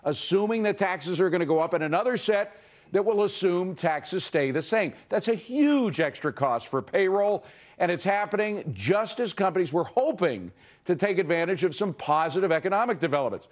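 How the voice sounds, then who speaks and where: A man's voice: sits high, expressive, normal speed. A man hosting a news show and delivering an emphatic, opinionated editorial commentary.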